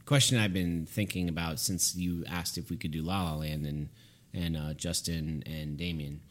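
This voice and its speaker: A man co-hosting a casual podcast chat about films, telling stories animatedly and swearing freely. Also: low voice. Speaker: podcast co-host.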